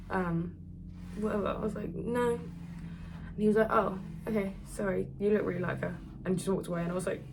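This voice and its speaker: A woman's voice: low voice, vocal fry, darkish tone, slight background noise. A nineteen-year-old woman rambling through a casual storytime while doing her beauty routine, with lots of "like.". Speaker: influencer.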